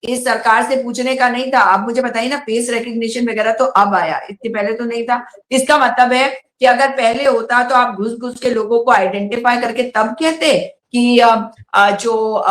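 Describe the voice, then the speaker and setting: A woman guest in a heated political interview, speaking in an impassioned, scolding way with pauses and fillers. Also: a little high. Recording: echoey room.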